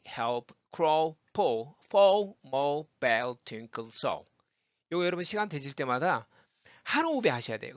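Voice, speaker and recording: A middle-aged man leads a casual pronunciation lesson, drilling English words one by one in a fairly high voice. He switches to lively, animated explanation between drills. The recording is dry and a little muffled, close to the mic. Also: dry recording. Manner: repeats English words slowly as drills, then explains in lively conversational Korean. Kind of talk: casual spoken lesson with drilled word lists.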